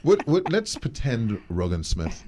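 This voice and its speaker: A man's voice: medium pitch, a little slow. Playful Bahamian man co-hosting. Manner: playful, laughing, animated. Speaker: co-host. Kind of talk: casual comic chat.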